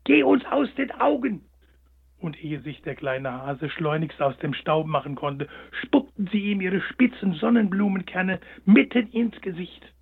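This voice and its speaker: A man narrating a storybook in a gentle, expressive way, on a tinny line. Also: fairly high pitch, measured pace, hardly any pauses, husky. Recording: tinny phone-like sound.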